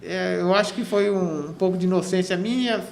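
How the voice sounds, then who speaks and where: A man's voice: sits high, brisk, vocal fry. A man from São state, telling his story as a guest on a radio interview, chatty, with many restarts. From Cubatão, São Paulo state, Brazil. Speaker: guest, physical education teacher. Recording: echoey room with faint noise.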